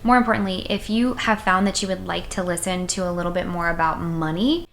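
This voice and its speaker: A woman's voice: fairly low pitch, a bit bright, a little hiss or hum. A woman co-hosting a podcast, chatting casually in a bubbly, playful way and joking with her co-host. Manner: bubbly, playful, quick to joke.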